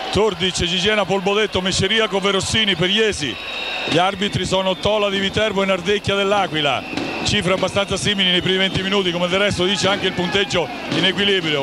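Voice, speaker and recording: A man calls a live basketball game in a high-pitched voice, lifting it excitedly for shots and baskets. Loud sports hall noise runs behind his play-by-play commentary throughout. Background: sports hall ambience, bouncing ball.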